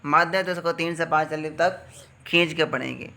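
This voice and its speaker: A man's voice: a little high, moderate pace, creaky, very noisy. A man from Pakistan with a Pakistani Urdu accent, teaching Quran letter reading in a patient step-by-step lesson and drawing out each letter sound. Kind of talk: slow step-by-step recitation lesson.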